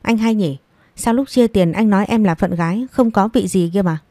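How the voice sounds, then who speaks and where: A woman's voice: medium pitch, moderate pace, dark tone, no room sound, lightly acted. A woman voicing a resentful youngest daughter who complains and defends herself. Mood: indignant.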